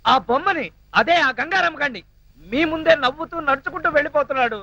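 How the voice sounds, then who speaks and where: A man's voice: very high voice, expressive, quick pace, creaky, pushed and bright, dry recording, heavily acted, poor audio. A man playing a panicky comic hero haunted by a doll, talking in frantic yelps in horror comedy film dialogue. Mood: panicked.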